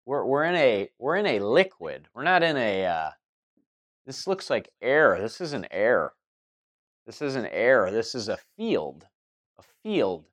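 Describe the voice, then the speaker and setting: A man's voice: mid-range voice, big pitch swings, slow pace, fairly bright tone. A man giving a loose spoken monologue as host, restarting sentences and circling back with fillers as he talks. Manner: rambling, many restarts and fillers. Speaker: spiritual talk host.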